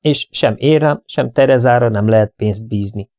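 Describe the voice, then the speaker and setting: A man's voice: mid-range voice, darkish tone, dry recording, clean studio sound, natural voice. A man reading an audiobook, playing a breezy, flippant young man with a light, offhand manner.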